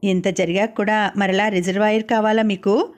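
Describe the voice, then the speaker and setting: A woman's voice: mid-range voice, level tone, normal speed, natural voice. A woman reading the lines of a playful, affectionate young man in an audiobook novel. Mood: teasing. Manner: playful, gently teasing.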